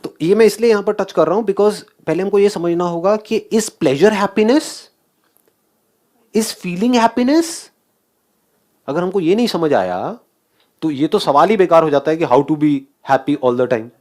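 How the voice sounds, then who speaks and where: A man's voice: high voice, animated, a little slow, a little mellow. A man giving a motivational talk, asking the audience questions and mixing English phrases into his speech. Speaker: motivational speaker.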